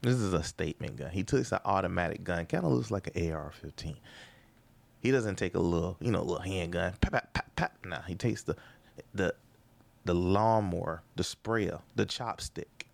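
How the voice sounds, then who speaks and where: A comedian rambles through a comedic monologue on his own podcast, full of sarcastic asides and rhetorical questions. His voice is deep with vocal fry, and he keeps a moderate pace.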